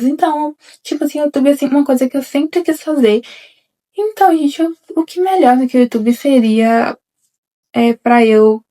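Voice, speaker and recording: A young woman in her twenties speaks straight to camera in a casual, confessional vlog, her slightly high voice carrying a gravelly fry and a dark, mellow tone. She rambles, restarts her sentences and keeps turning to her viewers as if chatting with friends. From Bahia interior, Brazil. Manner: rambling, repeats "gente" often, frequent restarts. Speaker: vlogger, newly graduated dentist.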